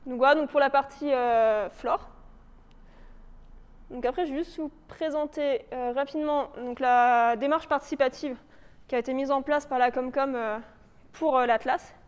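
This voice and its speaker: A woman with a high, clear, resonant voice gives a loosely improvised, hesitant slide talk for a local authority biodiversity project. Her intonation is fairly even and her pace moderate. The live presentation takes place in an echoing indoor meeting room with a big-room sound.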